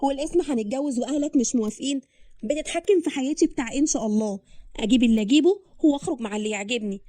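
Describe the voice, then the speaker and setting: A woman's voice: sits high, rapid-fire, dark tone, no room sound, close to an everyday voice. A woman voicing a defiant, greedy young girlfriend who talks back indignantly.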